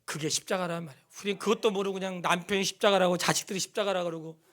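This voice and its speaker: A middle-aged man, a pastor, preaching a sermon in church, swinging from loud exhortation to hushed near-whispers and quizzing the congregation. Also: sits high, fairly even intonation, very fast. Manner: questions the congregation and has them repeat lines. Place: church sanctuary.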